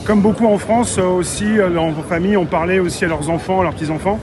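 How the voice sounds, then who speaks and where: A man's voice: high-pitched, steady tone, fast. A man working as a street interviewer, asking casual questions outdoors. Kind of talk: casual vox-pop interviewing. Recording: noisy outdoor street with crowd.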